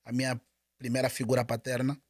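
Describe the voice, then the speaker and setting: Husky and darkish, this man's medium-pitched voice runs quick and monotone as he talks casually as an interview guest in an Angolan Portuguese accent. Hesitant, he keeps tripping over words, repeating them and restarting. It's a studio-quality recording without echo.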